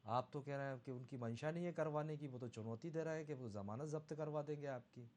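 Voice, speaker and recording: A man's voice: mid-range voice, fairly quick, a little mellow. A man anchoring a TV debate, pressing his guests with pointed questions. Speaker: news anchor. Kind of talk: TV debate moderation.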